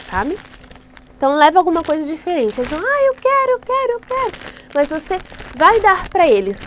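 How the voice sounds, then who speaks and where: A Brazilian woman with a high voice explains classroom activities to fellow teachers. She talks informally, restarts her sentences often and checks in with short tag questions. A faint hiss runs underneath. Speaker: Sunday school teacher trainer.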